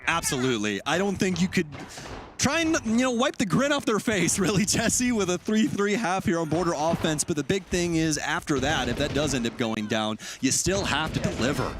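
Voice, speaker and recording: A man doing live esports play-by-play and analysis in an excitable manner with dramatic emphasis. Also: a little high, moderate pace. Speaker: esports commentator. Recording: clear background noise, clicks. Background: noise.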